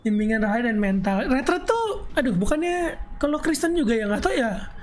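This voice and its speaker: A woman's voice: fairly high pitch, sing-song, fairly quick, darkish tone, a little hiss or hum. Chatty woman game streamer. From Indonesia. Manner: chatty, laughing, reads chat aloud. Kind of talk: casual live-stream chat while playing. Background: game music.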